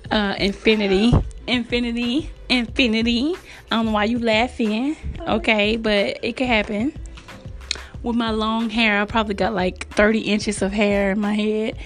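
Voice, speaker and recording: A woman's voice: on the high side, steady tone, normal speed, faint music behind. A woman hosting a podcast in casual motivational chat, teasing her co-worker and laughing often, speaking. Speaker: podcast host.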